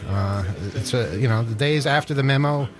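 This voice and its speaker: In a studio, a male radio host chats casually on air in a mid-range voice at normal speed. His banter rambles, full of self-deprecating restarts.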